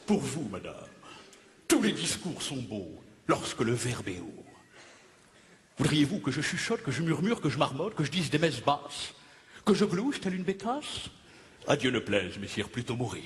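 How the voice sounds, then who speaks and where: A man playing a pompous, grandiose male playwright in a stand-up character sketch, declaiming in a booming stentorian voice with flowery phrasing. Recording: echoey hall, loud audience and noise.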